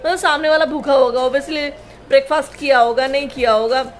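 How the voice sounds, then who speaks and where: A woman's voice: high-pitched, fairly even intonation, fairly quick. A woman in her thirties with a Jharkhand Hindi accent, chatting casually in a home vlog from her kitchen while she cooks and tells a story. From India. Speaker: vlogger.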